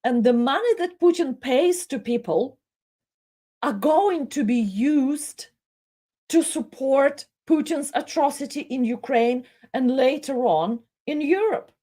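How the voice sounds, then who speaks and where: Woman presenter, kinda high voice, slow and emotional, keeps stopping and repeating herself. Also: dark tone. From Soviet Union. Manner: emotional, halting, repeats words. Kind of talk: impassioned live commentary.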